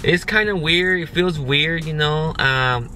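Male family vlogger, relaxed and rambling, noisy home-video sound. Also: a little high, measured pace. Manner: easygoing, rambling with fillers. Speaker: father and vlog host. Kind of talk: casual family vlog chat.

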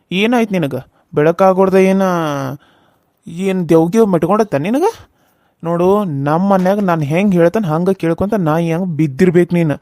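A man's voice: high-pitched, darkish tone, dry recording, clean studio sound, lightly acted. A man voicing a bossy, threatening young village husband in a cartoon serial, with a North Karnataka Kannada accent. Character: bullying hot-tempered young husband. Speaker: voice actor.

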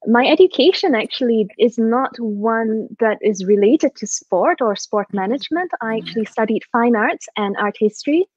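Speaking over a laptop or webcam mic from an indoor room, a course co-founder from Singapore in her thirties introduces herself with warm, self-deprecating tales of her sporting life, laughing lightly. Her slightly high voice is expressive, moderately paced, with hardly any pauses, and the video call audio is dull and dry.

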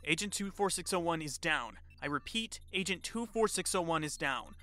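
A man playing a dutiful government agent in a fan audio roleplay, speaking in a brisk, official way. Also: a little high, lively intonation, bright, forceful tone, faint music behind. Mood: urgent.

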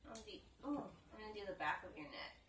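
Young woman vlogger, bright lively voice, casual banter, roomy sound a bit far from the mic. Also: mid-range voice, brisk. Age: young adult. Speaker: vlogger, co-host of a couple's challenge video. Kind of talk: casual couple banter to camera. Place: living room at home, indoors. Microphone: camera mic a few feet away. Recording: roomy, distant camera mic, some noise.

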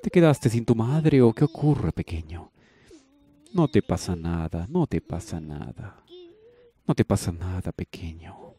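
A man voicing a gentle, tender rich young man who soothes and cares for others. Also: sits low, lively intonation, unhurried, slightly rough, full character voice. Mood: soothing. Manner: soothing, affectionate, indignant at injustice.

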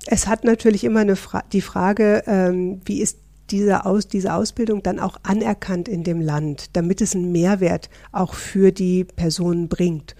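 This clip has a warm, steady female voice of medium pitch at a normal speed, recorded dry. She is a middle-aged professor from northern Germany, giving friendly, explanatory interview answers with occasional fillers.

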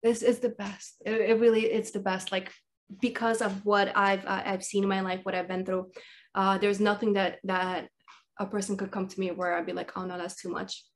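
A woman's voice: medium pitch, flat delivery, moderate pace. A woman in her late thirties from Russia, an energy healer talking in a casual video-call interview from her living room, rambling and full of fillers. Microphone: laptop webcam on video call.

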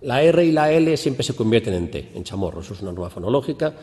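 A man's voice: mid-range voice, fast talker. Man lecturing in an echoing hall. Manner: explanatory, lively emphasis on questions. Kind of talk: academic lecture. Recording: long hall reverb.

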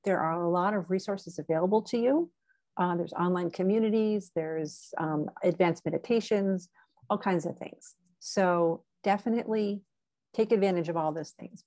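A woman's voice: lowish voice, darkish tone, no room sound. A woman chatting as a guest on a podcast, talkative and giggly, with lots of ums and likes. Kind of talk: casual conversational interview.

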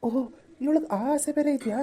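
Lady doing a lovestruck cartoon guy, high mellow voice, teasing. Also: fairly quick, close to an everyday voice. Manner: teasing, brooding inner monologue. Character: young man with a broken arm, lovestruck.

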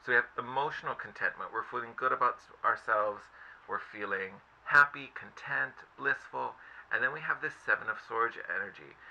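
A man's voice: lowish voice, gravelly, bright, forceful tone. A man giving a casual, enthusiastic tarot reading, chatty and effusive, with lots of fillers. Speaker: tarot reader. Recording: slightly dull lo-fi audio with faint noise.

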